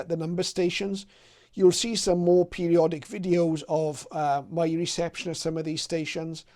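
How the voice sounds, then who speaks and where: A fairly high, mellow male voice, belonging to a middle-aged or older man, narrates an informal screen tutorial on shortwave radio. Over a website demo, he goes step by step, phrasing things loosely and hesitantly.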